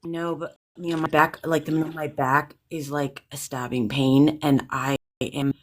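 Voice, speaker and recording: A woman's voice: low-pitched, flat delivery, normal speed. A woman hosting a live paranormal investigation, sounding exhausted and drained, talking anxiously in rambling restarts. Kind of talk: live-stream chat.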